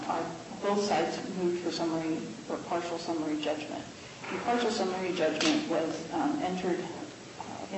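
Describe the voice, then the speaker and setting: Halting woman lawyer in very echoey room. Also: lowish voice. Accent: American. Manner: halting, hesitant phrasing. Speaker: lawyer arguing an appeal. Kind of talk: formal oral argument. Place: reverberant courtroom. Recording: very echoey room, distant mic, noisy.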